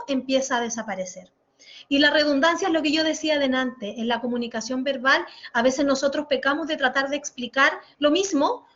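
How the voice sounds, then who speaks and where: High-voiced Chilean woman teaching online. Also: fairly bright tone. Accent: Chilean Spanish. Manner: reads viewer comments aloud and responds; deliberately exaggerated articulation. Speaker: workshop instructor. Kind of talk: online workshop lesson. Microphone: computer mic, recorded lesson. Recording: dull lo-fi screen recording.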